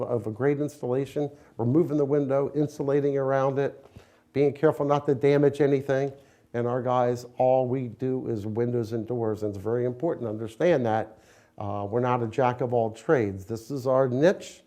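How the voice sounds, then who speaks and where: A man's voice: medium pitch, steady tone, normal speed, mellow. An American man, a business owner, giving a conversational promotional interview in a plain-spoken, explanatory, folksy way. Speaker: window company owner, interviewee.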